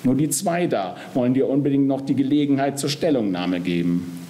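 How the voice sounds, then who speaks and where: A man's voice: mid-range voice, expressive, brisk, dark tone, pitched above the performer's own voice, lightly acted. A man voicing Death as a cold, menacing old man who hisses his threats in a storybook reading. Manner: hissing, threatening, sneering.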